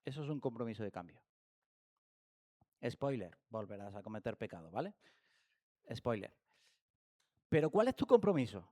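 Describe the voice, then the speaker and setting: A man's voice: medium pitch, very animated, moderate pace, pauses often, darkish tone. A man with a Spanish accent from Spain giving a church Bible study lesson, asking rhetorical questions and acting out everyday examples. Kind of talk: church teaching talk. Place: church hall.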